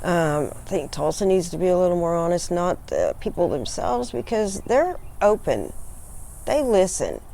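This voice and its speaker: A woman's voice: on the low side, big pitch swings, normal speed, creaky, dark tone, slight background noise. A woman speaking reflectively as an interviewee.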